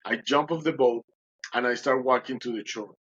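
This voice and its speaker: A man's voice: mid-range voice, moderate pace, fairly bright tone, breathy edge, lo-fi sound. A man, a podcast guest, telling his personal story in an earnest, emotional way and often restarting his sentences.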